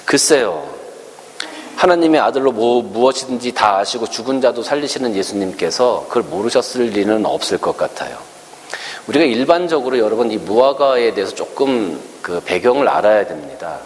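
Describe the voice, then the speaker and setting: A man's voice: lowish voice, lively intonation, moderate pace. A male pastor giving a conversational sermon, asking his congregation rhetorical questions and acting out quotes in a raised voice. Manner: acts out quoted speech in a raised voice. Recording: long hall reverb with faint hiss.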